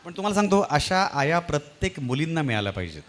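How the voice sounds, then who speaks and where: Animated male stand-up comedian on stage. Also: a little high, fast talker. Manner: animated, acts out the voices in his stories. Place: stage at a live university event.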